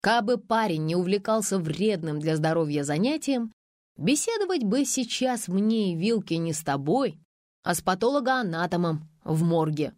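A woman giving voice to a persistent man who presses with question after question and reasons things through. The delivery is lively in pitch and recorded close and dry. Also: moderate pace, dry recording, lightly acted. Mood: insistent. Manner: insistent, reasoning. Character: firm middle-aged man, questioning, persistent.

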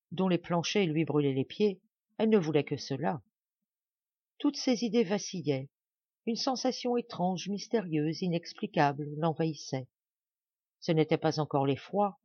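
A woman reading a classic novel aloud as an audiobook narrator, measured and dramatic. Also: deep voice, dark tone, slightly rough, no room sound, highs cut off. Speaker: audiobook reader. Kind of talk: scripted narration.

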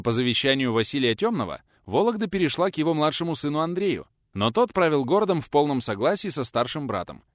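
A male narrator reads a historical audiobook with lively, expressive delivery. His pitch moves widely through each sentence, in a middle register. The close studio sound is dry, with no room echo. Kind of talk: scripted narration.

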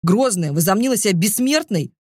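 A woman's voice: mid-range voice, animated, fairly quick, a bit bright, no room sound, studio quality, close to an everyday voice. Harsh dragon magister, hissing orders, read by a woman. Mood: angry. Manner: growling, hissing, commanding. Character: stern male dragon magister, short-tempered teacher.

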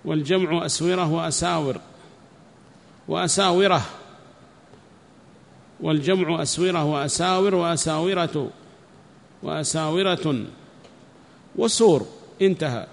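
A man teaching a religious text, reading each phrase and then repeating it slowly with explanations. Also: on the high side, gravelly. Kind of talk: classical text lesson with commentary. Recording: long reverb.

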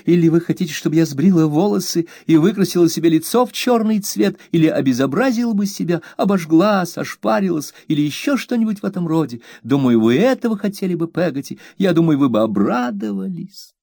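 A man's voice: on the high side, expressive, a little fast, hardly any pauses, dark tone, no echo, studio quality, pitched above the performer's own voice. A man voicing a tearful young mother who pleads and reproaches her servant, in an audiobook reading.

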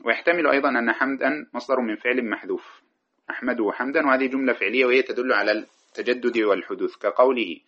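A man speaks fast at medium pitch with a breathy edge while teaching a classical grammar text line by line. He chants the poetry he cites and corrects himself partway through sentences. The lo-fi recording sounds dull.

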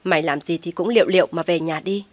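A woman voicing an enraged middle-aged mother who shouts and scolds harshly, in a dry, close recording. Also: on the low side, fairly even intonation, fast talker, no echo, natural voice. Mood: stern scolding.

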